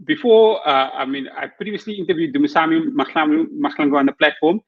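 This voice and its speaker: A man's voice: a little high, fairly quick, narrow, tinny audio. A young man hosting a career podcast over a video call, wearing headphones in a small room, with a friendly, slightly rehearsed delivery. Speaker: podcast host. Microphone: headphones with video call audio.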